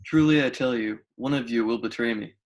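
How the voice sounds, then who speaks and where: A man's voice: mid-range voice, fairly quick, lightly acted. A man reading the part of Jesus, a solemn teacher, in an amateur dramatized scripture reading. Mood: grave. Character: Jesus, solemn male teacher foretelling his fate.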